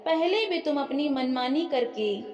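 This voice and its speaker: A woman's voice: high voice, animated, measured pace, darkish tone, dull audio. A woman voicing a frustrated young husband who pleads and reproaches, read in an echoey room. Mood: reproachful. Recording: echoey room with long reverb.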